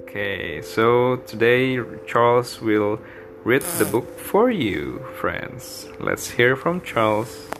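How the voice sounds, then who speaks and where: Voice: mid-range voice, big pitch swings, slow pace, over music. An adult hosting a children's story show, talking simply and encouragingly to young viewers as friends. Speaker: host of a children's read-aloud video.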